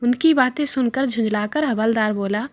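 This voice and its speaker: A woman narrating a string of jokes in a steady storytelling way. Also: on the high side, normal speed, lo-fi sound. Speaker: joke narrator. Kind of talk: reading jokes aloud.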